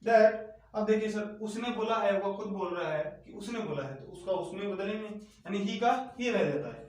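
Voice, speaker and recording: A man with a Hindi accent teaching English grammar step by step, repeating key words slowly and asking questions of his students. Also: high-pitched, recorded from a distance. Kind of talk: slow step-by-step online lesson. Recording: echoey room, off-mic, faint noise.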